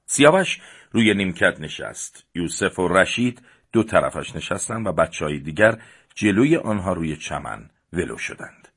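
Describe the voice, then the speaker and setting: Deep husky male storyteller. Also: very animated. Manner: reads plainly and shifts up in pitch and loudness for the characters. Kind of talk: audiobook narration voicing the dialogue.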